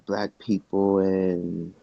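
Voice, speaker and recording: A man co-hosting a podcast in loose, profane casual chat, his stories jumping up in pitch when he gets excited. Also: drawn-out words, gravelly, no echo, muffled recording. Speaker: podcast co-host.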